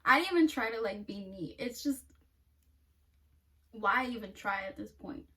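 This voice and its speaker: A woman's voice: medium pitch, lively intonation, moderate pace, a bit bright. Blunt, self-mocking young woman. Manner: blunt, self-mocking, swears a lot, laughs often. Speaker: beauty vlogger. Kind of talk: casual makeup vlog chat. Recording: somewhat distant mic with faint noise.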